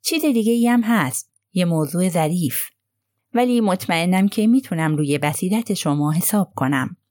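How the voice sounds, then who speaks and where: Gentle probing male detective read by a woman, soft, murmuring, lower-pitched voice. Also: animated, dry recording, studio quality, natural voice.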